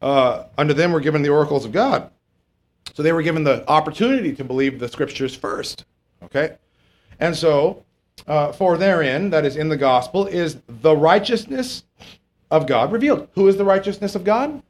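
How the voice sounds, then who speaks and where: A male pastor gives a conversational Bible teaching in a slightly higher-than-average voice. He checks in with his listeners often and lifts his pitch to stress key points. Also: animated, moderate pace. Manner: informal, keeps checking in with "okay?", rises in pitch on emphatic points.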